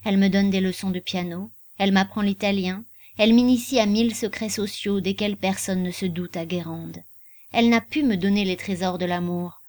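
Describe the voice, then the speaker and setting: A woman's voice: mid-range voice, fairly even intonation, moderate pace, a little mellow, dry recording, close to an everyday voice. A woman reading the part of an earnest, passionate young male nobleman in an audiobook.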